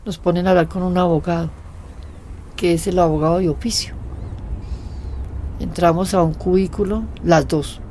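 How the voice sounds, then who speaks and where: A woman in an interview, telling her own story in a lively way and acting out what people said. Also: fairly low pitch, moderate pace, pauses often, slight background noise.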